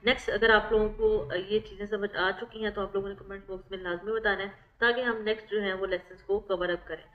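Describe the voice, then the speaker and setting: A woman's voice: medium pitch, steady tone, a little fast, narrow, tinny audio. A woman online tutor, explaining exam material step by step over slides. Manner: repeats "theek hai" often, explains step by step.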